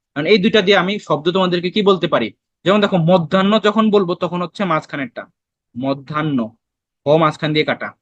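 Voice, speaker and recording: A man's voice: high voice, fairly bright tone, no room sound, dull audio. A young man from Bangladesh teaching an admission-test spelling lesson, talking conversationally, putting questions to the students and answering them himself. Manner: conversational, asks students questions then answers them, mixes in English words. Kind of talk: online lesson explaining spelling.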